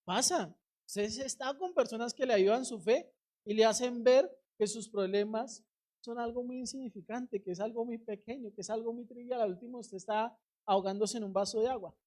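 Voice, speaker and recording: A woman's voice: a little high, normal speed, warm tone. Exhorting woman preacher. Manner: exhorting the congregation directly, acting out quoted voices. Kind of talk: sermon.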